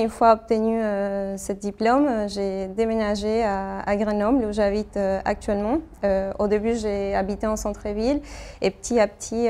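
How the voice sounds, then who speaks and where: Woman, 30s, interview answers, level even tone, halting with fillers. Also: medium pitch. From Argentina. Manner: hesitant, many fillers and restarts. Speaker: architect interviewee.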